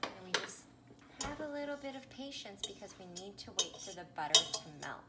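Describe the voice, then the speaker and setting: A woman's voice: mid-range voice, big pitch swings, fairly quick. A woman talking like a kids show host, leading children through a cooking lesson in simple, sing-song, teacher-like phrases. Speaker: presenter of a children's cooking video. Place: home kitchen. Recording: echoey kitchen, loud background noise, pan clatter.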